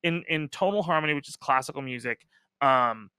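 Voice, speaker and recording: A man's voice: medium pitch, a little fast, bright, forceful tone, clear, resonant tone, no room sound, studio quality. A man hosting a casual podcast chat, talking emphatically with lots of fillers and casual swearing. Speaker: podcast host.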